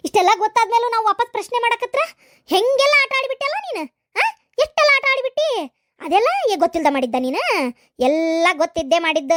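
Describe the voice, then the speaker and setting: A woman with a North Karnataka Kannada accent voicing a fierce, scolding middle-aged mother-in-law in a cartoon, in a shrill, harsh manner. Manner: harsh, accusing, loud scolding. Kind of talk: cartoon voice acting.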